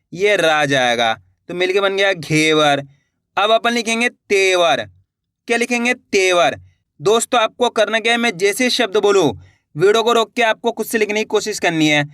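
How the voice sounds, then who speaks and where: A man teaching beginners to spell Hindi words, slowly sounding out each syllable and repeating every word. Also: sits high, sharp tone, clear, resonant tone, no echo, clean studio sound.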